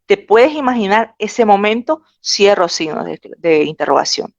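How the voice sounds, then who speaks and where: A woman's voice: mid-range voice, lively intonation, moderate pace, no echo. Woman teaching grammar online, keeps hammering the rules, dull lo-fi mic, dry. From Bolivia. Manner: insistent, repeats rules emphatically. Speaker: lecturer on spelling. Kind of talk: online lecture.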